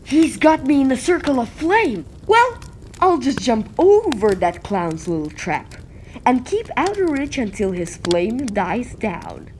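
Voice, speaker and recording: A woman's voice: fairly high pitch, very animated, measured pace, a little mellow, a little hiss or hum, poor audio. A woman voicing a brash, wisecracking teenage boy superhero who thinks aloud dramatically in an amateur comic-book dub. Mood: alert. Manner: brash, talks to himself dramatically.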